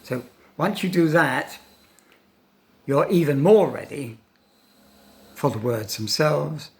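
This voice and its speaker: An older man giving an informal English lesson, thinking aloud in pauses and often tagging his points with a questioning "no?". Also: on the high side, expressive, creaky. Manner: thoughtful, pausing, demonstrates intonation aloud; tags questions with "no?". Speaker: English teacher.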